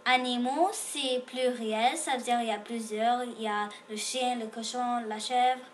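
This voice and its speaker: A French reading teacher leads a slow lesson for beginners, sounding out letters and patiently repeating each word. Her voice is a little high and slow with fairly even intonation, and there's a faint hiss or hum.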